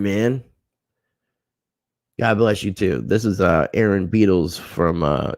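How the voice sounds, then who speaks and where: A man's voice: sits low, vocal fry, darkish tone, dry recording, studio quality. A man hosting a casual livestream, reading viewer comments, thanking people by name and airing a grievance. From United States. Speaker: livestream host.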